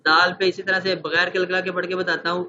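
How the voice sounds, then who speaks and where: A man with a high-sitting voice and little pitch movement trains teachers online, going step by step and often checking they follow. He demonstrates letter sounds and recites verses slowly, and the class audio is dull and lo-fi with faint noise.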